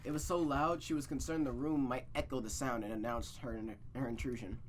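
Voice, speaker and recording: A man streams himself reading a visual novel at a brisk pace, his voice medium-pitched. Dramatic narration mixes with sweary, casual side comments, and he's reactive and expressive, sometimes stumbling and rereading. There's slight background noise.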